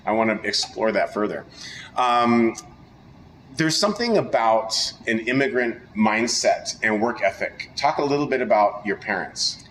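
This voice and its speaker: A man's voice: fairly low pitch, measured pace, a little hiss or hum, poor audio. Enthusiastic male interview host. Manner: enthusiastic, energetic. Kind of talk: upbeat interview chat.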